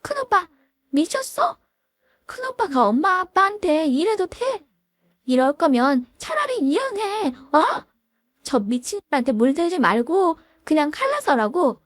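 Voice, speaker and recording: A bratty young sister-in-law with a piercing, shrill voice, done by a woman reading a dramatized story. She speaks in sharp, insulting jabs with a pitch that leaps up and down. The voice is close and dry. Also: big pitch swings, unhurried, no room sound, heavily acted. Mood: shrill taunting. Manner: taunting, insulting.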